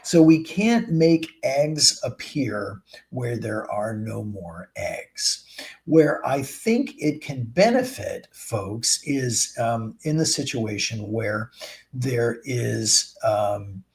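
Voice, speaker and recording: A man's voice: medium pitch, lively intonation, slow pace, creaky, darkish tone. A man, a fertility doctor, explaining answers to viewer questions on a live show, with many ums and restarts. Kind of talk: live Q&A chat.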